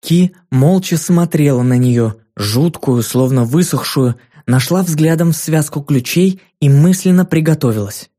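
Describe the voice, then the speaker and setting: Male audiobook narrator, slightly high and mellow, calm scripted storytelling. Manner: measured storytelling reading.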